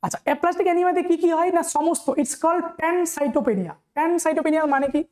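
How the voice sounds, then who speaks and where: A young woman with a Bengali accent giving a nursing exam-prep lecture. She reads questions out slowly and then explains the answers quickly, checking in with her listeners again and again. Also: extremely high pitch, darkish tone.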